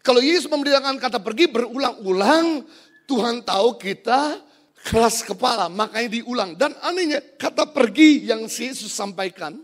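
A middle-aged man from Indonesia preaching a sermon, his voice sitting high for a man. He tells his stories in a low, hushed tone, then rises to loud, emphatic declarations. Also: animated, normal speed. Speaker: pastor.

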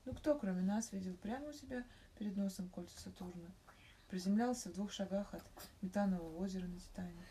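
A woman's voice: mid-range voice, quick pace, mellow, slight background noise, close to an everyday voice. A woman reading aloud as a spirited, impatient schoolgirl who talks eagerly and indignantly. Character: spirited eleven-year-old girl, impatient.

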